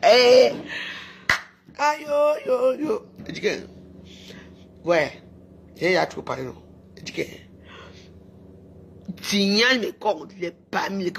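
A social media personality yells an angry, insulting rant into her camera, taunting and repeating the same jabs. Her voice is mid-range, with slight background noise.

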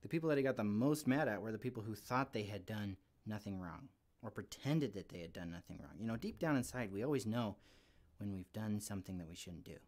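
Low-ish, animated and brisk, with a darkish tone, a man speaks as a friendly young puppet kid. His children's devotional comes across as chatty, earnest and informal, with "like" cropping up often.

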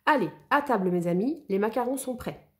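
A woman doing a cheerful gentle baker friend. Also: a little high, lively intonation, brisk, close to an everyday voice. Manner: cheerful, fond.

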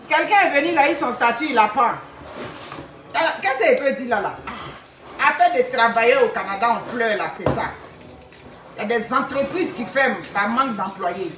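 A middle-aged woman talks straight to her livestream viewers, pleading and repeating herself in a slightly high voice. She sits some distance from the phone in an echoey room, with a faint hiss under her voice. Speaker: livestream host recruiting workers. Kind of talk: casual livestream chat. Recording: echoey room, voice away from mic, faint noise.

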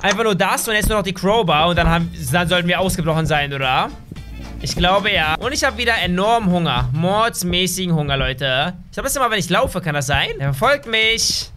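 A man giving excitable, chatty let's play commentary as a gaming YouTuber, talking straight to his viewers. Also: high voice, a little fast, music in the background.

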